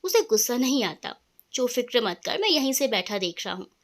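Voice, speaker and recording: A woman's voice: fairly high pitch, sing-song, normal speed. A woman voicing a playful, affectionate young man who teases his wife, in a storybook reading. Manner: teasing, affectionate. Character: playful young man, teasing loving husband.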